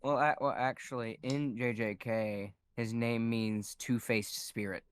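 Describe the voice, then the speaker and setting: A man's voice: mid-range voice, steady tone, measured pace, clean tone, no room sound. A man talking casually with friends as a player in a tabletop role-playing game. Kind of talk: casual group chat during a game.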